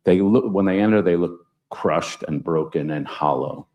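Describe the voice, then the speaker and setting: A man speaking on a conference panel, telling anecdotes with sudden upward jumps in pitch for emphasis. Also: normal speed, highs cut off. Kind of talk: panel discussion storytelling.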